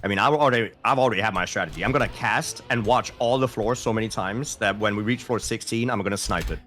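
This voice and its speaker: A man's voice: on the low side, quick pace, faint music behind. Laid-back joking male co-streamer. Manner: relaxed, joking and teasing. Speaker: guest co-streamer. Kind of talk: casual live-stream chat.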